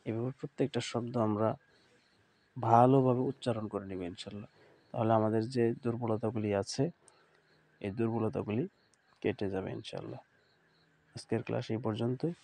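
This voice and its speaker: Dark-voiced man teaching Quran reading. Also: lowish voice, steady tone, no room sound. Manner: patient, sounds out syllables slowly one by one; uses pious phrases, addresses students as a group. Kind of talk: online Quran reading lesson.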